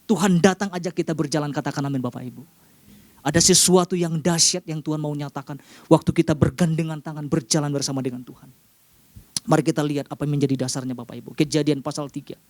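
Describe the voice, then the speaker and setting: A man with an Indonesian accent preaching a sermon to a congregation, often calling out to them and rising sharply in pitch for emphasis. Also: fairly even intonation, fast, a little mellow, dry recording.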